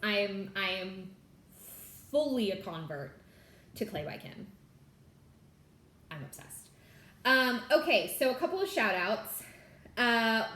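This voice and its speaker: Speaking in a slightly high, bright and forceful voice in an echoey room, a young Californian woman chats to camera as a Flosstube host. Her stitching vlog talk is casual and bubbly, filled with "like" and "y'all."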